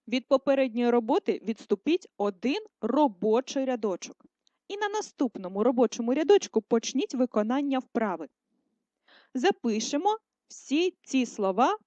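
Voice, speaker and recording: A female primary school teacher giving a recorded writing lesson, dictating words slowly and clearly for first graders. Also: on the high side, sing-song, warm tone, no echo. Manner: slow, clear dictation, syllable by syllable. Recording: dry, dull lo-fi voice recording.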